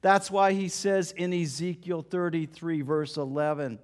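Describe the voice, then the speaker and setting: A man preaching a sermon, dramatic, dropping to a hush and then rising to loud emphasis. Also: a little high, little pitch movement, a little slow.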